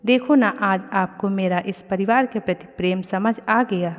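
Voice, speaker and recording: A woman voicing a timid, gentle young daughter-in-law who pleads softly. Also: mid-range voice, moderate pace, natural voice. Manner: pleading, frightened. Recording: long reverb.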